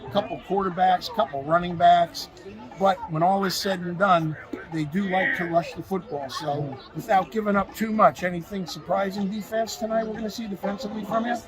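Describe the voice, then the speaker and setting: A man hosting a high school football preview, breaking down the game and interviewing a coach in a conversational, analytical way. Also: steady tone, a little fast, a crowd in the background, poor audio. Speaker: sports show host.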